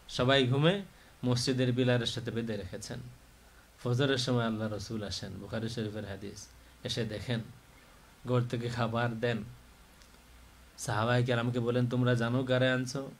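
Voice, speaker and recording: A man preaching a sermon in a mosque. He is impassioned, rising to loud, high cries and then dropping low to tell a story. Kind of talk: Bengali waz sermon.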